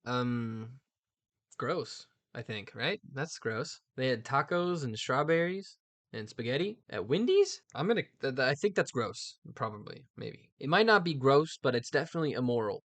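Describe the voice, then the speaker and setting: A man's voice: mid-range voice, sing-song, normal speed, fairly bright tone, dry recording. An American man hosting casual, comedic commentary, rambling and second-guessing himself with dry humor. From United States. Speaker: host.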